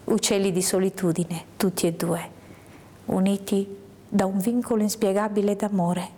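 A woman reading a first-person literary story aloud in a measured, hushed way, sometimes sinking into a whisper. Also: medium pitch, fairly even intonation. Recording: long hall reverb.

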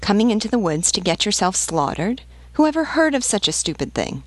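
A woman reading an audiobook voices a bold female camp follower who scolds sharply, in a loud, high voice. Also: level tone, fast talker, dry recording, natural voice. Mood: scolding.

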